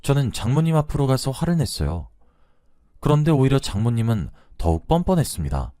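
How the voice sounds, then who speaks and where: A man's voice: mid-range voice, sing-song, brisk, dark tone, dry recording, clean studio sound. A man narrating a first-person story in a conversational, recounting way.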